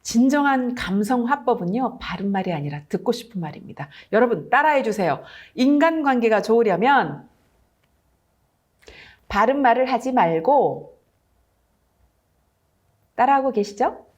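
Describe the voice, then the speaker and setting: Woman instructor, online lecture, animated and fairly high, talks straight to viewers. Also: unhurried, long pauses. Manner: expressive, addresses viewers directly.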